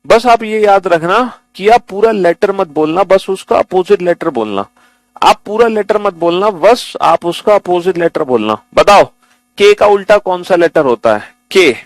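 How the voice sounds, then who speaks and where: Male teacher, fairly high voice, dry close sound, coaxing and repetitive classroom delivery. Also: animated, moderate pace, dry recording, poor audio. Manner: coaxing, repeats himself, calls students beta. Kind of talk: classroom lesson.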